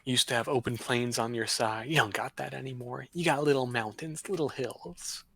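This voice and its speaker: A man narrates a tabletop campaign as the game master on a livestream. His voice is gravelly and a little husky. He tells the story loosely, drifting through fillers and asides. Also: mid-range voice, steady tone, normal speed, a bit bright, low-quality recording. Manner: casual, rambling narration with fillers.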